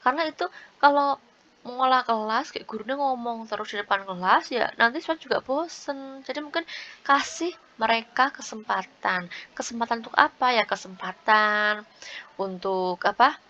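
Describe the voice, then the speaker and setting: Woman, online tutor, chatty and repetitive, slightly high voice, muffled video-call audio. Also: moderate pace, bright, forceful tone. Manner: chatty, repeats words, acts out teacher and student lines. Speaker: university tutor.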